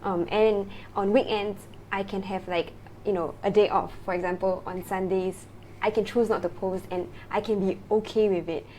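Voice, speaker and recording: A woman's voice: mid-range voice, fairly even intonation, normal speed, a little mellow, a little hiss or hum, poor audio. A woman from Singapore, a founder talking as a guest in a casual interview, chatty and full of fillers and tag questions.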